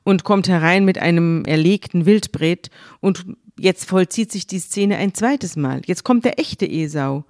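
Blunt, lively woman telling a story. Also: on the low side, a little slow, hardly any pauses, dry recording, clean studio sound. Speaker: podcast co-host. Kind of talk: conversational retelling of scripture.

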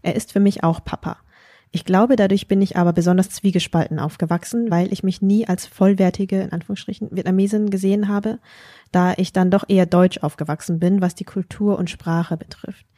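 A woman's voice: medium pitch, steady tone, brisk, mellow, no echo, clean studio sound. A woman hosting a podcast, chatting casually and reading out a listener's message. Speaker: podcast host.

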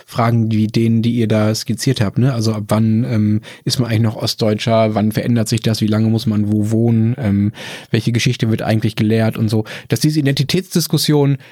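A man's voice: lowish voice, flat delivery, a little fast, warm tone, no echo, clean studio sound. A man from Berlin co-hosting a debate podcast, ironic and argumentative. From Berlin, Germany. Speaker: podcast co-host. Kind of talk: casual debate.

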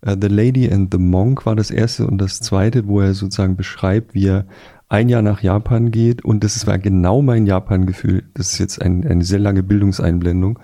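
A male podcast host with a low, mellow voice talks casually. He recommends things with real emphasis and enthusiasm, stressing his points hard. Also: fairly even intonation, moderate pace. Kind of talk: casual conversation.

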